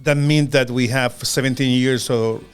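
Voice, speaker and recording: A man in his fifties from Chile, with a Chilean Spanish accent, co-hosting a podcast in an earnest, halting way, often repeating words. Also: medium pitch, fairly even intonation, clean tone, soft background music. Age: 50s. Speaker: podcast co-host. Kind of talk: casual podcast chat.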